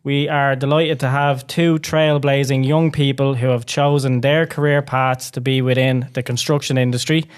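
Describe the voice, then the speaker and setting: A man's voice: mid-range voice, clean tone. A man co-hosting an interview podcast, reading the intros and asking the guests questions in a friendly way. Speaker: podcast co-host. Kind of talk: semi-scripted podcast hosting.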